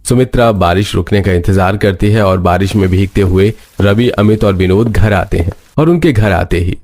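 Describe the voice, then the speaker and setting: A man narrates a cartoon story with a steady, even storytelling manner. His voice sits low. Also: moderate pace.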